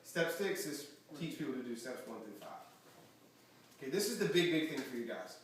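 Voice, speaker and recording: A man giving an energetic motivational seminar talk as a network marketing trainer, quizzing the audience with questions. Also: medium pitch, fairly quick. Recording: echoey room from far off, faint background noise.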